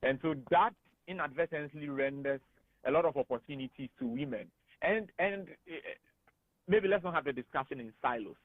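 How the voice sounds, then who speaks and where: A man with a Ghanaian English accent, speaking as a guest analyst on a radio talk show, animated and emphatic. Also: a little high, normal speed, dry recording. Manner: animated and emphatic, laughs often. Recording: tinny phone-like radio studio sound.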